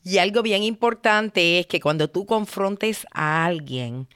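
A woman's voice: fairly low pitch, a little slow, a bit bright, clean tone, no echo. A woman giving emphatic advice in a motivational talk, acting out example conversations. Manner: emphatic, acts out example dialogues. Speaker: advice speaker.

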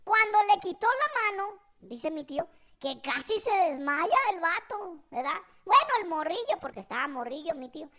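Very high, bright woman storyteller. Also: big pitch swings, normal speed. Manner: chatty, slangy, tags questions to the listener. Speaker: podcast host. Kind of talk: casual storytelling.

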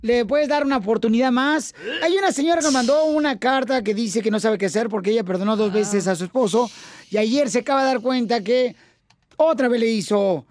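A brassy middle-aged gossip, put on by a man, chats on a radio comedy show. The voice sits very high and pries with bawdy teasing. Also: brisk, no room sound. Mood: gossipy. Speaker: radio co-host.

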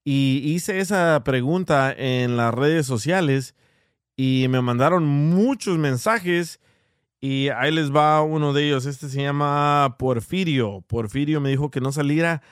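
A man's voice: on the high side, measured pace, clear, resonant tone, no echo, clean studio sound. A man hosting a casual call-in show, greeting listeners by name and laughing often. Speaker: radio show host.

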